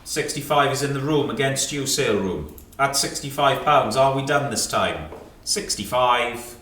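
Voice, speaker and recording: Male British fine art auctioneer, clipped bid-calling patter, mid-pitched, recorded at a distance in an echoey sale room. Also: lively intonation, normal speed, noisy background. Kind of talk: live auction calling, reeling off rising bids.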